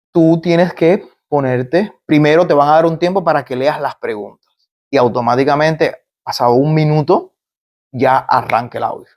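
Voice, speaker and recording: A man from Cuba, a migrant doctor with a Cuban Spanish accent, gives an interview in which he explains step by step, offers examples, and often restarts what he's saying. His pitch is fairly high and his tone a little mellow.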